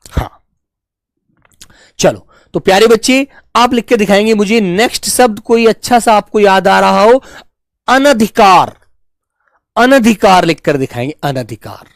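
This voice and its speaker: Lively, patient male Hindi teacher. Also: sits high, gravelly, dry recording, clean studio sound. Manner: patient, repeats words slowly, calls students "beta". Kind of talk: live online class.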